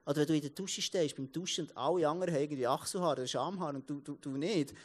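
A man's voice: on the high side, rapid-fire. A man in his thirties with a Swiss German accent, giving a casual sermon as a pastor, telling stories with many restarts. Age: 30s. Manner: lively storytelling, many restarts and repeated words.

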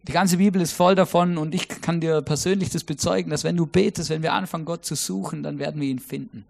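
Young male preacher, high voice, casual chatty sermon full of fillers. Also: fairly even intonation, quick pace, vocal fry. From Germany.

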